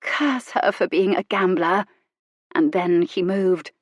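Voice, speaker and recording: A woman narrating a romance novel in an intimate, measured reading. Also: on the low side, dry recording, lo-fi sound. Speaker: audiobook narrator.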